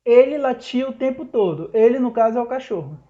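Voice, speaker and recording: A man teaching an English lesson in Portuguese, explaining each rule step by step and slowing down to spell out the English examples. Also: very high-pitched, lively intonation, warm tone. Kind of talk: recorded online lesson. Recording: dull lo-fi recording.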